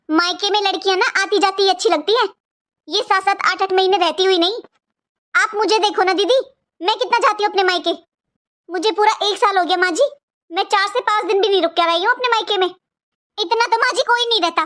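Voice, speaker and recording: Casting: a woman as a taunting cartoon sister-in-law, very high and shrill, sharp-tongued. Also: fairly quick. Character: scheming bossy young sister-in-law. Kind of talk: cartoon voice acting.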